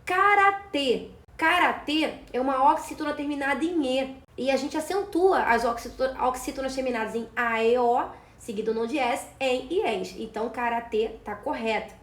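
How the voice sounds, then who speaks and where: A woman's voice: high voice, moderate pace, few pauses, roomy sound. A woman teacher with a Brazilian Portuguese accent explaining grammar questions for an exam, often checking in with "né?" and "tá?". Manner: explanatory, repeats "né" and "tá" to check understanding. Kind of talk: exam-prep grammar lesson.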